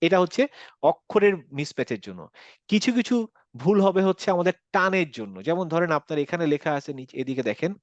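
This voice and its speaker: Bangladeshi guy teaching an online class, kinda high voice, dry dull lo-fi sound. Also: lively intonation, fast talker, no echo. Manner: explains step by step, mixes English words, asks checking questions. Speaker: Quran teacher.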